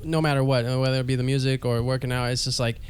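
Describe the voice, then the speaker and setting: A man's voice: medium pitch, little pitch movement, fast talker, clean tone. A man chatting earnestly on a podcast, swearing casually. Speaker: musician guest.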